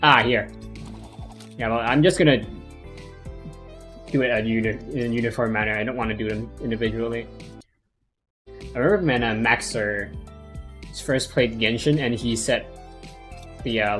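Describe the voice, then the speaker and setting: This streamer's medium-pitched voice is steady in tone and a bit bright, at normal speed but with long pauses. He chats loosely about his game, full of fillers and false starts, while faint music plays.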